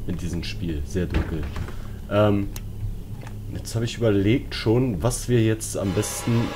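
This man's voice sits lowish and moves at a measured pace as he streams a let's play, muttering slangy, casual remarks about the horror game he's playing. Creepy game music and effects fill the background.

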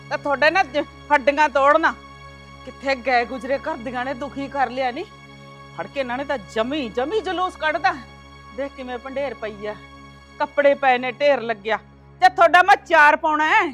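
A woman playing a scolding village mother-in-law. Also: high-pitched. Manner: loud, scolding, sharp-tongued. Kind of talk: village family drama acting.

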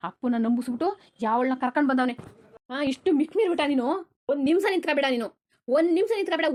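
A woman voicing a stern, quick-tempered rich village landlord father in a cartoon, scolding and repeating herself. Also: high-pitched, close to an everyday voice. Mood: angry. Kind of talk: cartoon dubbing.

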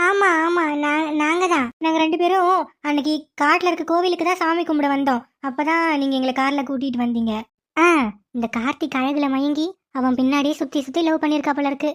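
A woman's voice: sits high, fairly even intonation, brisk, close to an everyday voice. A woman voicing a sly young snake-woman in human disguise in a cartoon, whispering plans to her friend. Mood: scheming. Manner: sly, fake-tearful. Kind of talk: cartoon voice acting.

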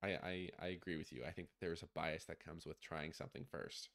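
A man chatting casually on a podcast, excitable and slangy, quick to gasp and laugh. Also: low-pitched, creaky. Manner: slangy, laid-back. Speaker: podcast co-host. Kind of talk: casual chat.

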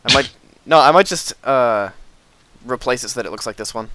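A man's voice: medium pitch, brisk, sharp tone, no echo. A young man hosting a casual Minecraft video, rambling with lots of fillers and restarts as he shows off his build. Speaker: gaming video host.

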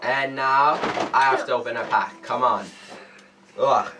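A teenage male host giving casual, excitable commentary in short exclamations during a gaming challenge video. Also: medium pitch, a little slow, background noise. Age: teens. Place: small indoor room with cloth backdrop. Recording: distant mic, music behind.

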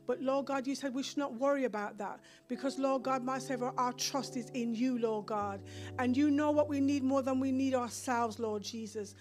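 Woman praying fervently over music. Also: high-pitched. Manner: fervent, repetitive praying, rising in intensity. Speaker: church minister closing the service. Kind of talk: prayer. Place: church hall stage. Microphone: handheld mic.

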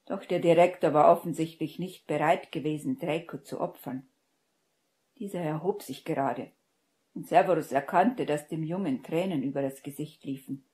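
A woman reading a fan-fiction audiobook aloud as narrator, in a steady, measured way. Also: low voice. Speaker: audiobook reader.

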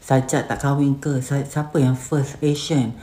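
A woman's voice: a bass voice, level tone, unhurried, dark tone. A woman with a Malaysian Malay accent, an influencer hosting a live stream, reading viewer comments and answering bluntly, slipping English words into her speech. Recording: roomy echoey room.

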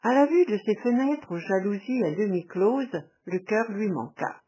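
A woman reading a classic novel aloud as audiobook narration, measured and even. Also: mid-range voice, a little hiss or hum, poor audio. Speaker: audiobook reader.

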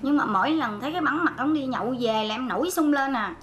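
A weary complaining wife. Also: female voice, sits high, lively intonation, quick pace, muffled recording, noisy background. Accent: Southern Vietnamese. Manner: complaining, pleading. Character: weary beaten wife of a drunk. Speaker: beaten wife. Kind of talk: rural comedy film acting.

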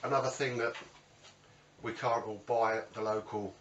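Recorded on a camera mic several metres off, the audio is roomy and distant, with faint background noise and the highs cut off. The speaker, a middle-aged woodworking channel host from the UK, chats his way through an unscripted tour of his cramped, cluttered home workshop in a steady, mid-range voice at a moderate pace.

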